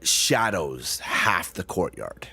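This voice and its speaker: Slow, deep-voiced male game master. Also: big pitch swings, creaky, sharp tone, slightly rough, faint music behind. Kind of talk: improvised tabletop game narration.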